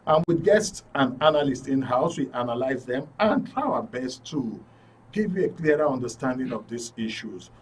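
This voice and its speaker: A man with a Nigerian accent hosts a live current affairs talk show for radio and TV in an informal, jocular way from a broadcast studio. His mid-range voice is husky and expressive at a moderate pace. The studio is noisy and the mic distant.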